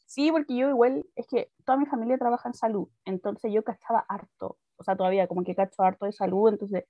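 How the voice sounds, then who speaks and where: A woman's voice: medium pitch, steady tone, quick pace, dry recording, lo-fi sound. A young woman in her twenties with a Chilean accent, telling her story in casual chat and laughing often. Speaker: guest.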